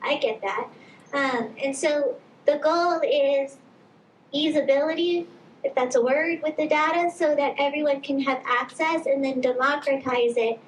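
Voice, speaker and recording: On a conference stage, a woman serving as a marketing panelist explains things in an upbeat way. Her voice is high-pitched and a little slow. The hall is echoey, and there's a little hiss or hum.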